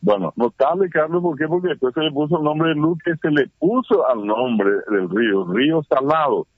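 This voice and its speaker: A man's voice: on the high side, expressive, normal speed, no echo. A man as a radio interview guest, explaining at length with many fillers and restarts. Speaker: guest, Guarani scholar. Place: at home during heavy rain. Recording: tinny phone line.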